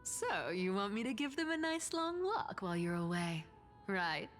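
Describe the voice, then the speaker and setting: An actress playing a sly, flippant trickster thief with a teasing, casual way of talking in a video game. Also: female voice, medium pitch, big pitch swings, moderate pace, faint music behind, lightly acted. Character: sly, teasing female master thief, long-lived trickster.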